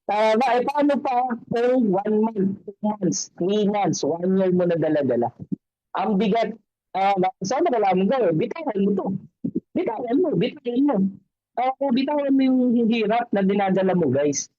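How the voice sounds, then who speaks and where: A man giving a motivational seminar talk, animated, keeps checking in with the audience with questions. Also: sits high, normal speed, no room sound, muffled recording. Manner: keeps asking the audience "di ba?" and "tama ba?"; animated, acts out quoted voices. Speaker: seminar speaker on network marketing.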